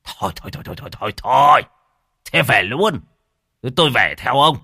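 A man voicing a gruff, greedy old village shaman who scolds and curses as he orders people around. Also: medium pitch, big pitch swings, normal speed, pushed and bright, no echo, studio quality, voice pushed up, exaggerated voice. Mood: impatient. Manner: bossy, scolding, curses freely.

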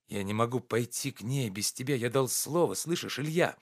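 Devoted, urgent friend, read by a man: raised pitch, quick, insistent, for a storybook reading. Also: expressive. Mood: urging. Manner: raised, fast, insistent pleading.

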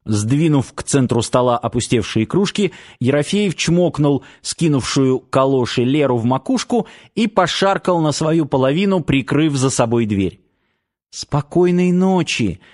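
A man reading an audiobook in a measured storytelling narration. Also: mid-range voice, darkish tone. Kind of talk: scripted narration.

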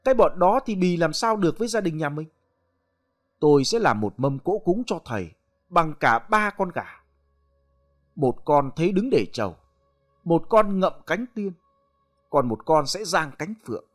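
Guy playing a bossy greedy rich man, fast lecturing, pitch jumping up. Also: big pitch swings, faint music behind. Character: greedy, pompous rich middle-aged husband.

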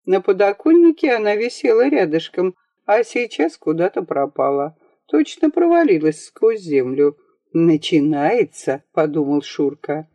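A woman reads a novel aloud with expressive, lively storytelling. Her voice is mellow and moves up and down a lot. The audiobook recording is dry and dull. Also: mid-range voice, moderate pace, no room sound. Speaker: audiobook narrator. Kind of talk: scripted narration of a novel.

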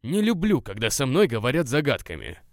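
A man's voice: mid-range voice, sing-song, measured pace, darkish tone, no echo. Man playing a curt, irritable young man. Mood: grumbling. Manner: dry, curt, grumbling.

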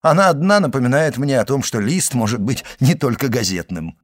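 A man reading the part of a genial, wry male journalist in an audiobook, speaking low and calm. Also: fairly quick, natural voice. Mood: cheerful.

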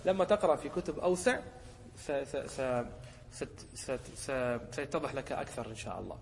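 A man, a sheikh teaching a lesson, who explains a poem, often checks whether his students follow, and slows down to quote examples. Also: medium pitch, expressive, big-room sound, a little hiss or hum. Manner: asks the class short checking questions. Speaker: sheikh teaching Arabic rhetoric.

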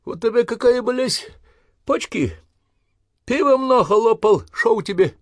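A man's voice: very high-pitched, unhurried, dry recording, clean studio sound, pitched above the performer's own voice. A man voicing coarse, jeering army sergeants with a Ukrainian-tinged Russian accent, taunting recruits sarcastically. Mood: mocking.

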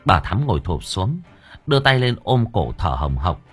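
A man narrating an audio story in a vivid, expressive way. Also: deep voice, normal speed, slightly rough, soft background music.

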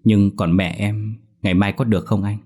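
A man voicing a poor young village girl who becomes a vengeful female ghost, reading her lines plainly in his own low voice. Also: fairly even intonation, normal speed, warm tone, natural voice. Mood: timid.

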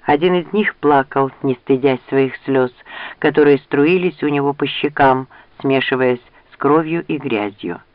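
A man narrating an audiobook novel in steady storytelling style. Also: mid-range voice, measured pace, no room sound, dull audio. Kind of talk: scripted narration.

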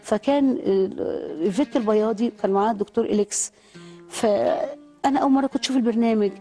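A woman's voice: on the high side, quick pace, dark tone, faint music behind. A woman with an Egyptian accent telling a fervent, prayerful personal testimony. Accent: Egyptian Arabic. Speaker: guest giving testimony.

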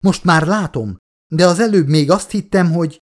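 A man voicing a jumpy, nervous man in an audiobook, with high, panicky outbursts. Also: close to an everyday voice. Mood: relieved.

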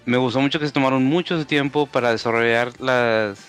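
A man's voice: medium pitch, a little fast, a bit bright, clean tone, faint music behind. A man on a casual podcast, giving long enthusiastic explanations full of fillers. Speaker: podcast co-host. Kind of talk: casual chat.

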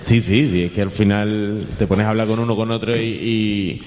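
A man's voice: lowish voice, fairly even intonation, moderate pace, a little mellow, slight background noise. Man telling funny stories in a hall. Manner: acts out the people in his stories with changed voices. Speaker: journalist and humor writer. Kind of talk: humorous anecdote storytelling. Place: talk event in a hall. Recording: reverberant hall sound.

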